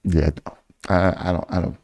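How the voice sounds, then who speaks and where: A man's voice: low-pitched, little pitch movement, normal speed, a little mellow, dry recording, studio quality. A man hosting a casual true-crime podcast, blunt and opinionated, acting out quotes in his speech. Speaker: podcast host.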